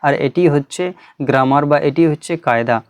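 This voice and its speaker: A man teaching a Quran reading lesson on video, explaining step by step with patience and reciting letter drills slowly. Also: mid-range voice, clear, resonant tone, no room sound, clean studio sound.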